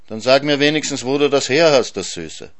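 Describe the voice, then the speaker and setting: A man's voice: medium pitch, animated, fairly quick, voice pushed up, natural voice. A man voicing a greedy, moaning male hyena in a storybook reading, with a plaintive, pleading tone.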